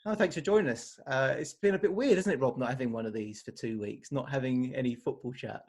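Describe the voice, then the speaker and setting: A man's voice: medium pitch, quick pace, a little mellow, husky. A man hosting a casual football podcast, friendly and rambling, laughing easily. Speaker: podcast host.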